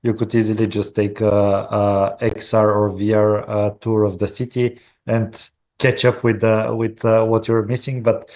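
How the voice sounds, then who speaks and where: A man moderating a webinar over a video call, friendly and halting with many fillers. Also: fairly low pitch, level tone, darkish tone.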